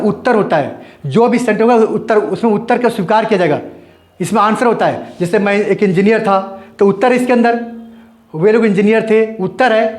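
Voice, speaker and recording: A man gives a grammar lesson in a high voice. He repeats each point, asking questions and answering them himself. The room is echoey. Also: a little mellow. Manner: repetitive, explains step by step, asks and answers his own questions. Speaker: English grammar teacher.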